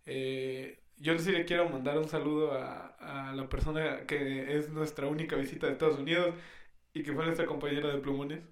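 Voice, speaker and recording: A man's voice: a little high, level tone, moderate pace, echoey room. A young Mexican man co-hosting a podcast in casual, slangy chat, often mimicking other people's voices. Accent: Mexican Spanish. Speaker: podcast co-host.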